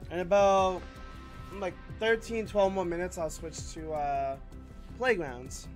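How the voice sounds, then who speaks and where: A man's voice: sits high, takes it slowly, soft background music. An American man from Massachusetts chatting casually as he streams gameplay. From Massachusetts, USA. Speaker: game streamer. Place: small indoor room.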